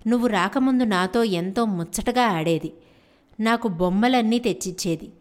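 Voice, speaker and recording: A woman voicing a kind talking parrot who is really an enchanted girl, speaking gently and soothingly. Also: medium pitch, normal speed, close to an everyday voice. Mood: hushed, kindly.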